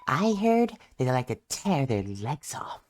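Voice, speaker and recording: A man's voice: mid-range voice, big pitch swings, unhurried, a little hiss or hum. A man reading the lines of a sly, gossiping female spider character in a put-on teasing voice. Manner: purring, teasing chuckle.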